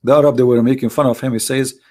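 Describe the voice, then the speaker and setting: In a religious video, a male host talks fast in a warm, medium-pitched voice with fairly even intonation. His argumentative monologue uses non-native English phrasing, and he hammers home points by repeating them and asking rhetorical questions.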